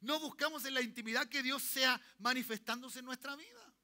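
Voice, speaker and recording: High, bright-voiced Chilean pastor preaching. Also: male voice, fairly quick. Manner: checks in with the congregation constantly; leads call-and-response, tells listeners to repeat. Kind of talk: sermon. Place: church.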